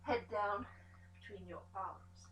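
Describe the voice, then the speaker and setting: A woman pilates instructor giving calm step-by-step cues to an exercise class, encouraging as she goes. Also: medium pitch, slow pace, far from the mic, a little hiss or hum. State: out of breath at times. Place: pilates studio room. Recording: echoey studio room, voice from off the mic.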